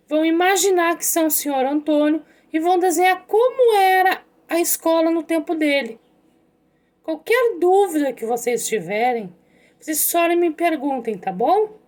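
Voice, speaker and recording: A young woman teacher giving an online lesson to her pupils, speaking calmly and patiently as she reads a story aloud. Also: high voice. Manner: calm, patient, addresses pupils directly.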